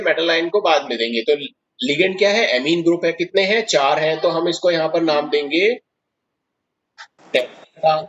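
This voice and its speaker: Man, chemistry teacher, classroom lecture, step-by-step explanations, quizzes the students, higher voice, muffled lo-fi sound. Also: a bit bright.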